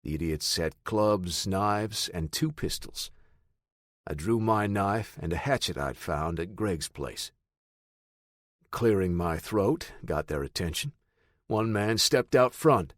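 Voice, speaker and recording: A man reads a first-person audiobook in a steady, matter-of-fact voice. His voice sits on the low side. The recording is dry and close. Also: slow, dry recording. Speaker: audiobook narrator.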